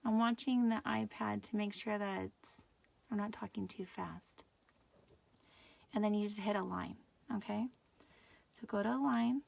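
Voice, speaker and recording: A woman's voice: medium pitch, fairly even intonation, moderate pace, creaky, darkish tone. A middle-aged woman teaching a live craft tutorial, patient and often checking that viewers can follow.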